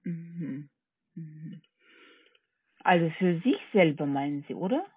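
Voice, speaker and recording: A woman who is not a native German speaker works a phone sales call as a call centre agent, hesitantly confirming and repeating order details in accented German. Her low-pitched voice is slow yet animated and slightly rough, with no room sound, carried over a tinny narrowband line.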